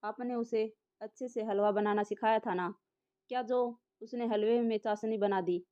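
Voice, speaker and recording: A woman voicing a quick-talking young woman who dodges the question. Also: medium pitch, fairly even intonation, dark tone, clear, resonant tone, close to an everyday voice. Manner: quick, evasive. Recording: slightly dull lo-fi audio.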